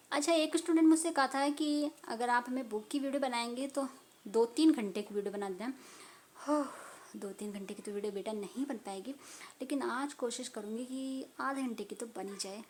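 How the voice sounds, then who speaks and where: A woman's voice: on the high side, normal speed, darkish tone, a little hiss or hum. A woman tutor talking casually to viewers while reviewing a medical book, chatty and teacherly, recorded on a phone at home. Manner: chatty, teacherly, laughs and apologizes often.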